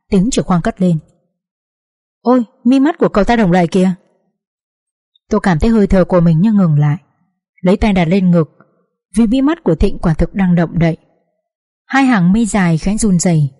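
Mellow woman audiobook narrator. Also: medium pitch. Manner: measured, expressive, first-person storytelling. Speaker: story narrator.

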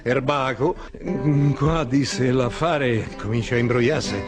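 An actor reciting a comic verse fable, giving the spider and the bug their own voices. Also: male voice, medium pitch, unhurried, over music, natural voice. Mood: theatrical. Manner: lively, voices several creatures. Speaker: actor reciting a dialect poem.

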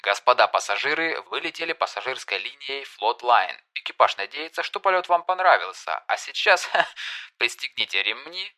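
A man voicing a young starship pilot making a mock airline announcement over the ship's loudspeaker, choked with laughter. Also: medium pitch, animated, moderate pace, pitched above the performer's own voice. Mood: giddy. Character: young male starship pilot, giddy, unhinged. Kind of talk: audiobook reading.

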